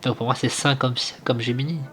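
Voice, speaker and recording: A young man talks casually over his screen recording in a slangy, hesitant way, often stopping to restart his thoughts. His voice sits at a middle pitch, and faint music plays underneath. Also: fairly even intonation, a little fast. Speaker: YouTuber testing image tools.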